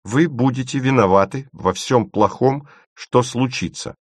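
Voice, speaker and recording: A determined young woman who presses her case and slips into cold official phrasing, read by a man. The voice sits low, and the recording is close and dry. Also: normal speed, no echo. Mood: insistent. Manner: insistent, turning cool and formal. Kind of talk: audiobook reading.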